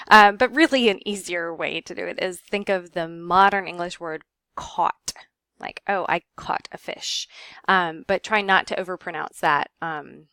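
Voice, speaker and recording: A woman teacher giving a recorded lecture, carefully sounding out words and filling pauses with um. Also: fairly low pitch, pushed and bright, smooth, no echo, clean studio sound. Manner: careful, demonstrating pronunciations with frequent ums.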